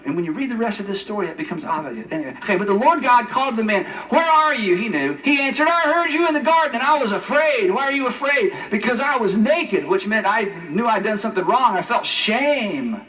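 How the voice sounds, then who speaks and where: A man gives a lively sermon in a bright, high voice. He plays out the lines of the people in the story with humor. He sounds a little distant from the mic in a large room. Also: a little fast, few pauses, slight background noise. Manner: animated, playful, acts out the characters' lines. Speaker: pastor.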